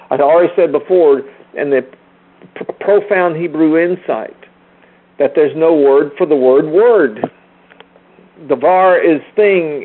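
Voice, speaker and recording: A man teaching a group delivers a sermon-like spiritual lecture, emphatic and rhetorical, repeating phrases and addressing listeners directly. His voice is on the high side, and the audio sounds narrow and tinny.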